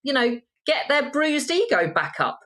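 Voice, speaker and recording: Speaking a little slowly in a high-pitched, sing-song, slightly bright voice, a middle-aged woman co-hosts a casual commentary show about social media. Her delivery is an impassioned rant, full of emphatic stress.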